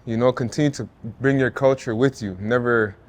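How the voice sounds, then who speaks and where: Speaking fairly quickly in a steady tone, this mid-pitched man is an interview guest, a former football player and artist born in Jamaica and raised in Toronto. He comes across laid-back and earnest in casual, reflective talk, often saying "you know" and "like" and restarting a few times.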